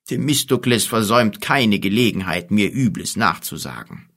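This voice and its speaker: Low, unhurried old sorcerer, silky and tempting, voiced by a male audiobook reader. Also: very animated, a bit bright, slightly rough, full character voice. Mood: calm persuasive. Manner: slow, measured, coaxing. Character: old scheming male wizard, smooth persuader.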